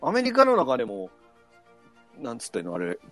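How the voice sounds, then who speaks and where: A man's voice: medium pitch, wildly swooping pitch, quick pace, dry recording, faint music behind. A man with a Kansai accent hosting a casual podcast chat, teasing and laughing often. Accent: Kansai Japanese. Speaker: podcast host.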